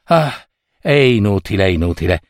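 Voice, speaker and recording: A man's voice: sits high, sing-song, unhurried, dry recording, studio quality, pitched above the performer's own voice. A man voicing a fussy, anxious baker woman who sighs and frets as she kneads, in a read-aloud storybook. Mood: sighing. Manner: sighing, fretful, pleading.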